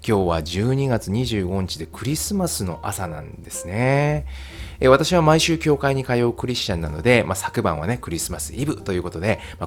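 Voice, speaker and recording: An English teacher who hosts a podcast chats casually by himself. He laughs a lot, uses many fillers, and keeps his pitch lively.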